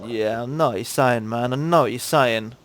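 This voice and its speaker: A man's voice: mid-range voice, normal speed, a bit bright, a little hiss or hum. A man from Cambridge with a southern English accent, hosting a gaming podcast in laid-back, slangy casual chat. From Cambridge, England.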